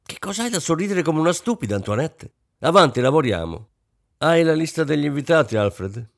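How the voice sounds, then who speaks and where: A man reading an audiobook, voicing a fussy, social-climbing middle-aged wife who is shrill, bossy and fretful. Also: sing-song, a little fast, gravelly, dry recording, studio quality. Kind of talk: audiobook character voice.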